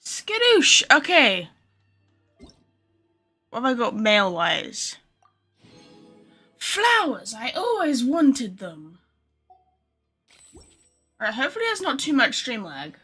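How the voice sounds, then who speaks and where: On a casual live stream, a woman gamer rambles chattily to viewers and teases herself. Her voice is on the high side, sharp and husky, swinging hugely in pitch at a slow pace with long pauses. Faint music plays behind her.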